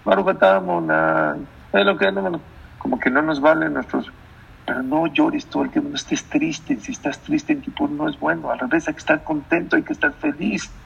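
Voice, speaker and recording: A man's voice: on the high side, brisk, creaky, a bit bright, slightly rough. A man giving a sermon as a rabbi, emphatic, repeating phrases and putting questions to his listeners, on a dull lo-fi recording. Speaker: rabbi, religious teacher.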